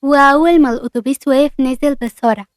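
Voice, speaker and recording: A woman with an Egyptian accent narrating a comedy romance story in a brisk storytelling manner. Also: high-pitched, no room sound. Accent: Egyptian Arabic.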